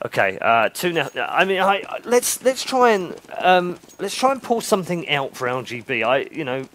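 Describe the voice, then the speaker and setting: Lively esports commentator. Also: male voice, on the high side, normal speed. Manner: joking, teasing, excitable banter.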